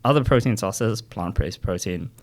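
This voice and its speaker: Low-voiced man explaining casually. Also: expressive, moderate pace. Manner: explanatory, uses analogies, frequent "um" and "right?". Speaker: podcast co-host explaining nutrition. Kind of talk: casual podcast chat.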